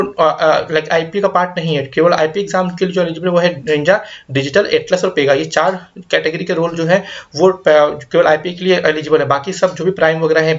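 A young career guidance YouTuber races through viewer comments in a casual update video, his voice a little higher than usual. He mixes Hindi and English rapidly and reassuringly, repeatedly saying "ठीक है" as he checks in with his audience. The recording sounds slightly dull and lo-fi.

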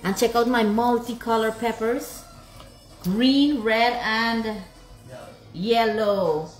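A woman's voice: on the high side, takes it slowly, echoey room, soft background music, low-quality recording. A woman hosting a live cooking vlog, effusively sending love to viewers while she seasons food. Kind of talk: live cooking demonstration with viewer shout-outs.

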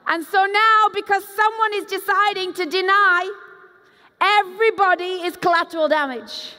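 A high-voiced woman pastor speaks at normal speed during a conference sermon. She preaches with animation, acting out quoted voices and walking the large dark stage, with long hall reverb on the recording.

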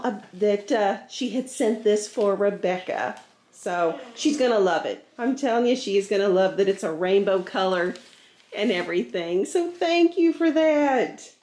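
A woman's voice: fairly high pitch, a little mellow. A woman hosting a casual family unboxing chat at home, chatty and thankful and often laughing. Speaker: family channel host, mother. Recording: roomy home room, faint noise.

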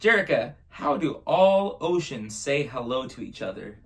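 A man in his thirties presenting a live show as a kids' party magician, with animated, playful showmanship. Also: medium pitch, unhurried.

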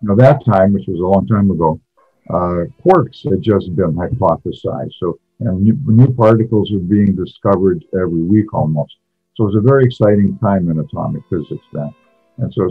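Older man, husky deep voice over a tinny line. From Canada. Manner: halting, repeats words while searching for them. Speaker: interview guest. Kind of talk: conversational interview.

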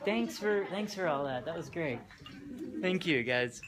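A man talking excitedly and jokily into a handheld camera for his travel vlog. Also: a little high, a little slow. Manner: excitable, chatty, jokey. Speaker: vlogger. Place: busy convention and city streets. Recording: crowd chatter and background noise.

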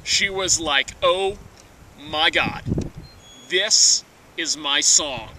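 A young man with a high voice performs lyrics as a hammy stage actor would. He takes them very slowly, stretching words and leaving theatrical pauses. He is recorded outdoors, distant from the camera mic with clear wind noise. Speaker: performer of comic dramatic readings. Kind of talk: dramatic reading of song lyrics. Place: outdoors at the edge of woods. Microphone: camera mic from a few metres away.

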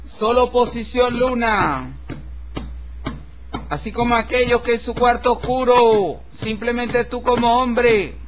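A man reading a tarot horoscope in a solemn, slow and formal way, addressing the listener with respect. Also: very high voice. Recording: dull lo-fi recording with faint hiss.

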